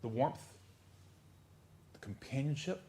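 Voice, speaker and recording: A man preaching a sermon. He swings from loud outbursts to hushed near-whispers and repeats words as he builds a point. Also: mid-range voice, lively intonation, slow pace, a little hiss or hum. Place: church service.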